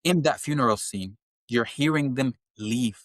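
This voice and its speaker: A man's voice: medium pitch, measured pace, dry recording, clean studio sound. A young man talking as a podcast guest, earnest and impassioned, often repeating words as he searches for the next one. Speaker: guest, engineer and science teacher. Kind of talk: conversational podcast talk on faith.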